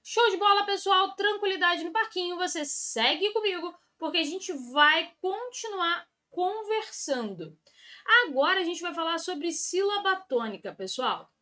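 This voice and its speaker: A woman's voice: very high-pitched, animated, unhurried, sharp tone. A woman from Brazil teaching Portuguese grammar in an exam-prep video lesson, upbeat and chatty, stretching out key words for emphasis.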